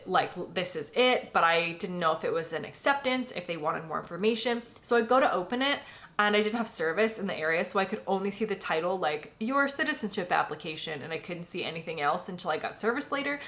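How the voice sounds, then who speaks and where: A chatty American woman in her late twenties vlogs to camera in a loose, conversational way. She leans on "um" and "like" as she talks, and her voice sits at a middle pitch for a woman. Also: sharp tone. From United States. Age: late 20s. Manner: chatty, filler-heavy, often says "like" and "um". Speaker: vlogger. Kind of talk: casual personal vlog.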